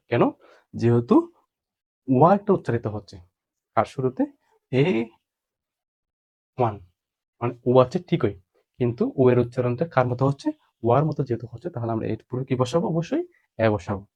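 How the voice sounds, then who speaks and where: A man's voice: medium pitch, a little mellow, husky, lo-fi sound. Male teacher quizzing through a lesson. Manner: repetitive question-and-answer teaching. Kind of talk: grammar lesson explanation.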